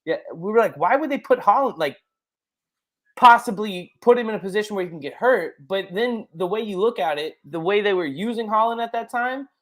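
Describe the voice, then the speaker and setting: A young man co-hosting a casual sports podcast, excitable and rambling with lots of fillers. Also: high voice, a little fast. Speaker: podcast co-host.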